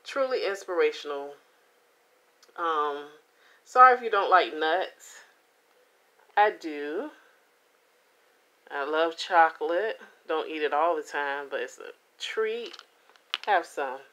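A middle-aged woman chatting casually to the camera as she reviews food at home, with an unhurried manner. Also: deep voice, expressive, bright, forceful tone. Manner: unhurried, talking between bites with pauses and mm sounds. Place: indoors, small home room. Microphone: camera or phone at about arm's length.

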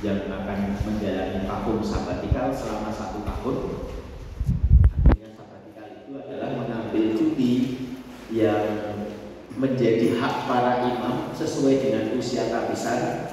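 A man's voice: fairly low pitch, steady tone, normal speed, recorded from a distance, noisy background. Man in his forties, echoey church hall. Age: 40s. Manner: reflective, storytelling, working through numbers aloud. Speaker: priest. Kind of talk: informal birthday speech. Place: large church hall with tiled floor. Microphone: handheld microphone, filmed from far.

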